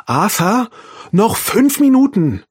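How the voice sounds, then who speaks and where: A man's voice: high voice, big pitch swings, takes it slowly, slightly rough, pitched above the performer's own voice, heavily acted. A man voicing a busy mother who calls out and scolds her son. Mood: scolding. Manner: sharp, calling from afar.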